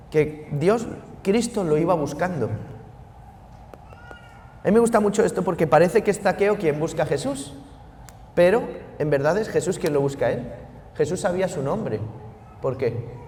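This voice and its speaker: High-voiced priest preaching, church reverb. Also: male voice, a little hiss or hum. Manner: animated preaching, quickly shifting between hushed and loud. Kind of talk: sermon.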